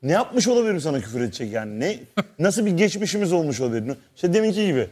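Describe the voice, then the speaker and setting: A man's voice: a little high, very animated, racing, a little mellow. A man chatting on a talk show, animatedly telling stories and acting out the messages he gets. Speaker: comedian guest. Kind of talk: casual talk-show chat.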